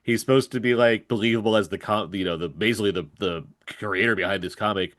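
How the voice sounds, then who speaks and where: A man's voice: lowish voice, fast. A man co-hosting a podcast, chatting casually about a movie, laughing and acting out characters' lines. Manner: animated, laughing, mock-quoting characters. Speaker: podcast co-host. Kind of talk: casual movie review chat.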